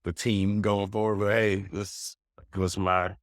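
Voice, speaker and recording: A man's voice: fairly low pitch, flat delivery, a little slow, dry recording, studio quality. A man co-hosting a podcast in casual chat, laid-back and rambling, laughing often. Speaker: podcast co-host.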